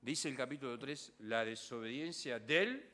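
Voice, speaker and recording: Emphatic Rioplatense preacher. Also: male voice, medium pitch, a little slow, pushed and bright. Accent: Rioplatense Spanish. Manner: emphatic, rhetorical tag questions. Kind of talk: sermon.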